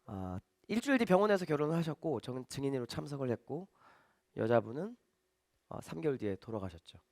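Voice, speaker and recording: Animated male magician telling stories. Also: mid-range voice, fast, gravelly, no echo, studio quality. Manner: animated, acts out dialogue for the audience. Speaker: magician giving a talk. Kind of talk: stage lecture storytelling.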